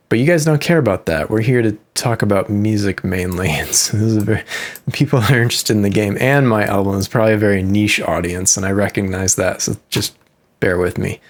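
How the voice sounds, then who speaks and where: A man with a Midwestern accent giving relaxed, rambling commentary while playing a game, explaining as he goes with frequent fillers. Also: on the low side. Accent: Midwestern American. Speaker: musician and host. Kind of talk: casual gameplay commentary.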